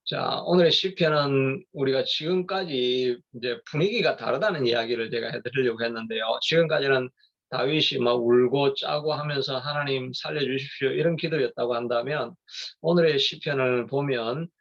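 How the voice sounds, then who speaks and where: A man's voice: medium pitch, moderate pace, highs cut off. A middle-aged male pastor giving a rambling, conversational sermon with many fillers and restarts.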